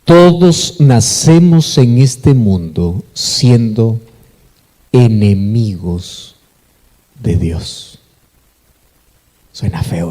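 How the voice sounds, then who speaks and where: A Peruvian pastor with a lowish, mellow, husky voice preaches emphatically in Peruvian Spanish. He poses questions to the congregation and answers them himself, in an echoey hall with long reverb.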